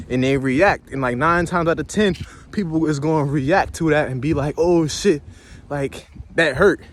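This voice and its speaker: A man's voice: fairly high pitch, slight background noise. A man rambling and philosophizing in a casual, profane walk-and-talk vlog, out of breath from walking outdoors by a pond and filming himself on a phone. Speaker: vlogger.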